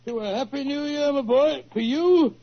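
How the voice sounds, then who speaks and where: A genial, bumbling older British doctor blusters in a notably high voice. He hesitates and exclaims in old radio-drama style, heard on a dull vintage broadcast. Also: moderate pace. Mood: jolly. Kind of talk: 1940s radio drama acting.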